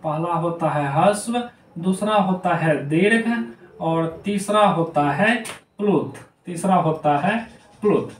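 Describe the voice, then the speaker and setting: A man teaching children in a high voice, saying each term again and again so it sticks. He sounds set back from the mic in a room that rings with echo, and faint noise sits behind him. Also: slow, distant mic. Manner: repetitive, drills terms aloud. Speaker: Hindi grammar teacher. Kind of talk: classroom lesson to children. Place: noisy room.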